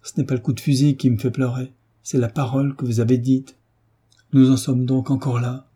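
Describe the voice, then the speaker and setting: A man's voice: medium pitch, level tone, a little fast, dark tone, husky, lightly acted. A man reading as a grieving young wife. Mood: tearful. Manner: anguished letter read aloud. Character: young woman, grieving and remorseful.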